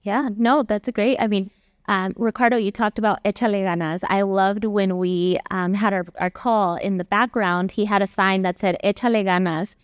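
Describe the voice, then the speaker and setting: A woman moderates a panel with upbeat encouragement. Her mid-range voice is smooth and crisp, recorded close with little room sound. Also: medium pitch, steady tone, moderate pace, no room sound. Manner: upbeat, encouraging, mixes in Spanish.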